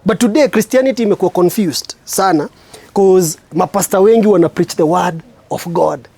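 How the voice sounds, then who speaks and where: A man with a Kenyan accent, a spoken word artist hosting his show, giving a preachy, reflective monologue with slow, emphatic stresses. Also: sits high, vocal fry, darkish tone, breathy edge, no echo.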